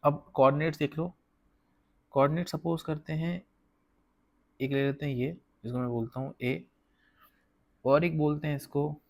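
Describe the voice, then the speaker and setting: A man's voice: fairly high pitch, fairly even intonation, creaky, darkish tone. A man teaching a casual whiteboard math lesson, explaining step by step and often checking that viewers follow. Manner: counts slowly while drawing.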